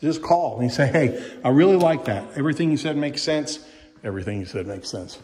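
This middle-aged man from Kentucky, a real estate agent, chats his way through an empty house while filming with his phone, indoors and briefly outside. His mid-range voice is expressive, fairly quick and darkish in tone. His commentary is casual and folksy, with salesy asides and restarts.

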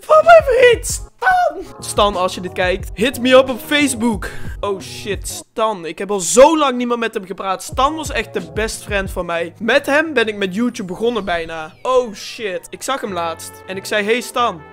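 A teenage boy from Limburg hosting a casual reaction video close to a desk mic. He is animated and exclamatory and swears freely, with music behind him. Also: high-pitched, normal speed. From Limburg, Netherlands. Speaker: YouTuber, host. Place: small bedroom studio, indoors. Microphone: desk condenser mic, close.

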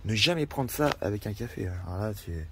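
A man's voice: fairly low pitch, expressive, fast talker, very noisy. A man vlogging casually outdoors by a campfire, talking in slang and swearing freely as he rambles. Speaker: van-life vlogger. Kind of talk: casual vlog chat.

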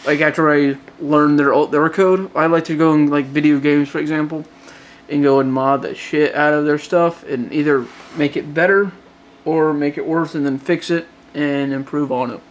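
A hobbyist phone modder with a light Georgia Southern accent gives a casual late-night vlog update, rambling with lots of restarts and fillers. His voice is a little high, his tone steady, and he talks at a normal speed.

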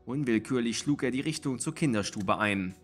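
A man reading a story aloud in a steady, expressive narration. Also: medium pitch, moderate pace, soft background music. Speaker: audiobook reader.

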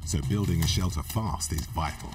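A man narrates a TV documentary in a very deep voice, reading from a script. Music plays clearly underneath and the voice sits slightly back from the mic. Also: moderate pace, distant mic.

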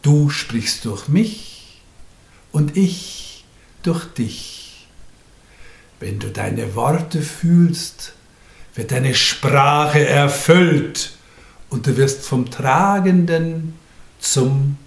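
A man as Language itself, slow and solemn. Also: a little high, gravelly, echoey room. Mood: impassioned. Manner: solemn, intimate, swings from whispers to fervent calls. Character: Language personified, tender and passionate, feminine. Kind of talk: dramatic spoken-word recital.

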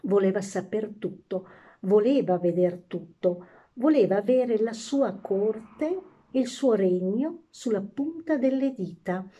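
A woman storyteller reading a fairy tale aloud, slow and expressive. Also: medium pitch, muffled recording.

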